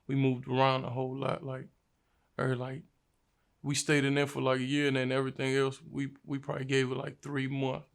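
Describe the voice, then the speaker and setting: A young man from Virginia speaks in a flat, even tone, with a gravelly edge to his voice. He tells his story in a laid-back, slangy way during a casual sit-down interview. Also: medium pitch, fairly quick. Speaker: rapper, interview guest.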